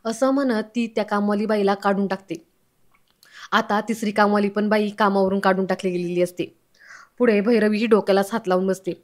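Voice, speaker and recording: A woman narrating a recap of a television serial episode in a steady storytelling manner. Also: mid-range voice, brisk.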